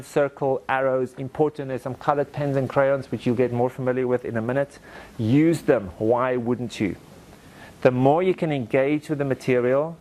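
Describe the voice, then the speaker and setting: Guy running a presenting workshop live, lively, does funny voices for quotes, tells the room to turn to their neighbor. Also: medium pitch. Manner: animated, acts out quotes in playful voices; direct, asks the audience to repeat lines to each other. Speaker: presentation skills trainer. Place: training room with a live audience.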